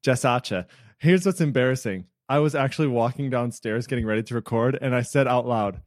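An American man co-hosting a casual tech podcast, rambling and self-deprecating. His voice sits at an ordinary pitch. The sound is dry and close, with no room in it. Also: a little fast, a little mellow, no room sound. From United States. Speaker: podcast co-host. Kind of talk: casual chat.

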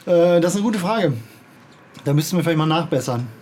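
A man's voice: fairly high pitch, animated, a little fast, a little mellow, slight background noise. A man co-hosting a casual podcast outdoors, agreeable, answering with many short yeahs and mhms. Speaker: podcast co-host. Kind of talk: casual chat among friends. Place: outdoors at a city table. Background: street bustle, people talking.

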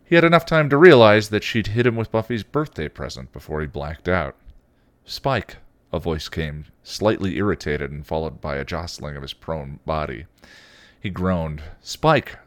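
Deep-voiced man narrating a story. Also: moderate pace, dry recording. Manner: expressive, occasional slips. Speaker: podcast host reading fan fiction. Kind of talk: read-aloud story narration.

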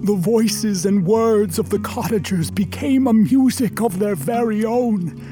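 A man playing Frankenstein's newly made creature in a radio play, sensitive and yearning, narrating in formal, measured, literary language. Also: sits high, low-quality recording. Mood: yearning, joyful. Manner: formal, literary, measured storytelling with drawn-out words.

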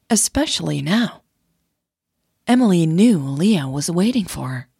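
Fairly low in pitch, her voice is husky and a little mellow, captured at studio quality with no room sound. This podcast host narrates scripted stories and chats casually, staying informal, playful and ready to laugh at herself.

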